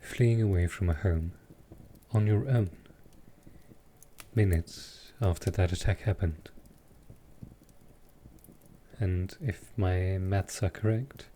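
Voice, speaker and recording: Low-pitched and soft-spoken, a man plays a gentle, courteous vampire centuries old in an intimate roleplay audio. His unhurried, calming delivery sounds reassuring and caring, with a slight hiss or hum in the recording.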